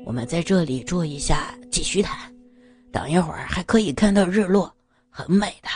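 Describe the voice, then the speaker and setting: A woman reading a story aloud and voicing a smooth-talking young man who speaks gently and persuasively. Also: on the low side, expressive, moderate pace, faint music behind, pitched below the performer's own voice, lightly acted. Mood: coaxing.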